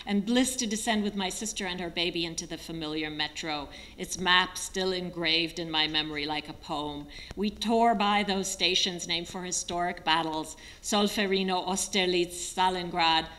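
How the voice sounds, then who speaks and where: A woman author reading aloud from her own memoir in a lively storytelling manner. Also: lowish voice, slight background noise. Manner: lively storytelling with occasional restarts.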